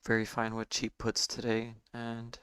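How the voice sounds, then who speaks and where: A man with a hoarse, failing voice giving halting live trading commentary as host of a stream. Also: mid-range voice, completely flat delivery, fairly bright tone, no echo. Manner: halting, with fillers and throat clearing. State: hoarse, losing his voice. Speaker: day trading livestream host.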